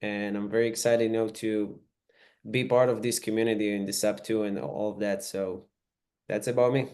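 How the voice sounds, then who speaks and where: Israeli-accented young man, low voice. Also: steady tone, normal speed, darkish tone, clean tone. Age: 20s. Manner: eager, non-native phrasing with fillers. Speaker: guest, real estate investor. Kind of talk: casual podcast interview. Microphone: video call.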